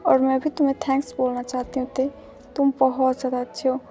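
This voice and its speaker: A woman's voice: high voice, completely flat delivery, quick pace, mellow, soft background music, lightly acted. Woman voicing a sweet thankful young bride.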